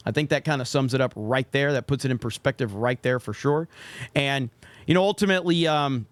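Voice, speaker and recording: Clear, blunt man giving reaction commentary. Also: mid-range voice, a little fast, dry recording. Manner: blunt, sarcastic, swearing. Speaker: commentator reacting to gaming clips. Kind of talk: casual opinionated reaction commentary.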